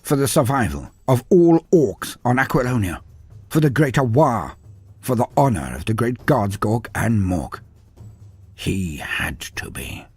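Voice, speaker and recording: Over music, a male storyteller with a husky, medium-pitched voice narrates a scripted tale with theatrical mock grandeur. His delivery swoops and stays lively, though a little slow, and the recording is dry.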